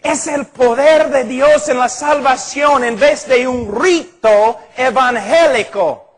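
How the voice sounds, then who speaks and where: A man's voice: extremely high pitch, takes it slowly. A middle-aged man preaching an impassioned sermon as a pastor, earnest and emphatic as he tells a story.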